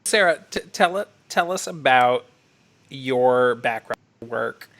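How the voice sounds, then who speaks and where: A man with a campy, animated manner, telling a backstage story as a podcast host. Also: medium pitch, slow. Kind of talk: casual storytelling.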